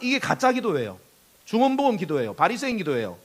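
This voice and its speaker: A man's voice: high voice, wildly swooping pitch, quick pace. A man preaching a sermon as pastor, impassioned, acting out quoted speech and leading the congregation in call-and-response.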